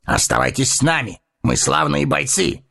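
A man playing a husky, gravelly horse-lord captain. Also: mid-range voice, normal speed, sharp tone, heavily acted. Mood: earnest. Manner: proud, mocking, commanding. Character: stern male horse-lord guard captain. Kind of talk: audio drama acting.

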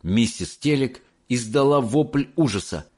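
A man narrating an audiobook in an expressive, measured reading. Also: medium pitch, breathy edge. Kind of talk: scripted narration.

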